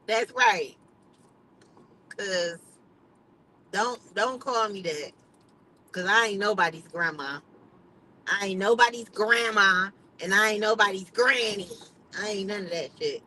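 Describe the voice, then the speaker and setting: A woman's voice: medium pitch, a little slow, pauses often, sharp tone, poor audio. A middle-aged woman chatting casually on a livestream, blunt and emphatic, swearing freely. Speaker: vlogger.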